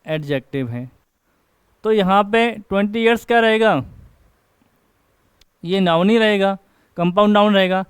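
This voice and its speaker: A man teaching an English grammar class, asking questions and answering them himself and reading example sentences slowly. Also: sits high, clear, resonant tone, dry recording. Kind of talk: classroom lecture. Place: coaching class.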